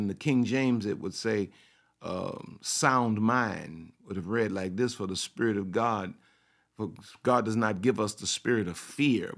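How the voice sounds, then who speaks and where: This sermon comes from a pastor whose voice is on the low side and a bit bright. He leans on repeated phrases and rhetorical questions, and now and then adopts the persona of a confident woman, speaking as "I," to press his argument.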